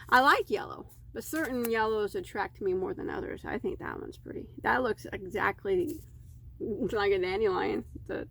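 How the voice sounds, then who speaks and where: A woman crochet vlogger chatting casually as she unboxes yarn, easily delighted and rambling in asides. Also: mid-range voice.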